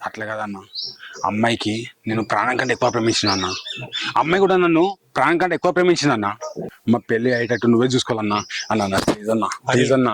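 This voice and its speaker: A man's voice: medium pitch, expressive, very fast, noisy background, lightly acted. An actor playing a hesitant young man who eloped, pleading for help in a Telangana Telugu accent.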